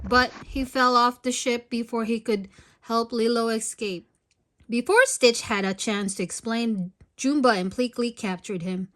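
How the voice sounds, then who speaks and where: In the manner of a storytime host, a high-voiced woman reads a storybook aloud for children with expressive narration.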